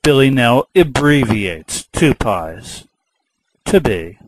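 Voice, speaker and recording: A man's voice: mid-range voice, very animated, takes it slowly, a little hiss or hum, poor audio. A man teaching a math lesson patiently, repeating key words and explaining through a simple story.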